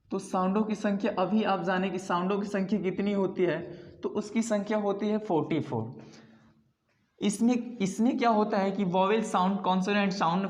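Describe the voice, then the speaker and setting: A woman's voice: mid-range voice, a little mellow. Woman teaching in an echoey room. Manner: repeats herself while explaining, points to words she has written. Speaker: English teacher. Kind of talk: spoken lesson explaining English sounds. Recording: echoey room with long reverb.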